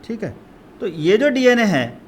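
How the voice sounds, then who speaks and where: A man's voice: high-pitched, sing-song, measured pace. A man with an Urdu accent from Maharashtra giving a biology lecture, explaining terms twice in Urdu and English. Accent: Urdu-speaking, Maharashtra. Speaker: biology teacher. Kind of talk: classroom lecture.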